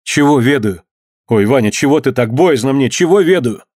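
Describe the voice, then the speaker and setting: A man's voice: mid-range voice, expressive, normal speed, a little mellow, no echo, clean studio sound, voice pushed up, lightly acted. A man reading an audiobook and voicing a frightened young wife who speaks anxiously. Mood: worried. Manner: anxious, plaintive.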